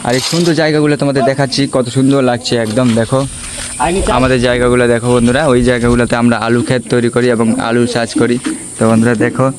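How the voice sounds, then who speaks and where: A man's voice: mid-range voice, flat delivery, racing, a crowd in the background. A man hosting a casual walk-through vlog outdoors, explaining things eagerly and repetitively to his viewers. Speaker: village vlogger, host. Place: outdoors at an embankment gate under repair. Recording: noisy outdoor recording with hiss.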